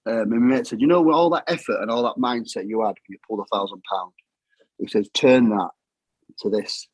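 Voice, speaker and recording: A man's voice: lowish voice, a little fast, breathy edge, no echo, poor audio. A middle-aged man with a Yorkshire accent, telling his story in plain-spoken, matter-of-fact talk that often repeats itself. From England. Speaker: guest. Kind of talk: casual storytelling.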